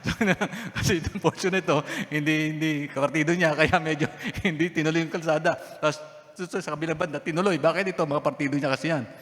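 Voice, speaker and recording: A man's voice: fairly high pitch, fairly even intonation, fast, fairly bright tone. A middle-aged man from the Philippines, a pastor, preaching a sermon and telling a personal testimony, with emotional storytelling and heartfelt prayer. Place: church sanctuary. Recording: reverberant church sanctuary.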